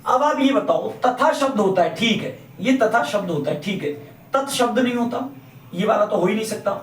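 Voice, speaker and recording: A man's voice: high voice, expressive, moderate pace, slight background noise. A man teaching a Hindi grammar lesson. He repeats his points and asks the class questions, then answers them himself. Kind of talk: classroom lecture. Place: classroom or coaching room. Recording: echoey room, mic at a distance.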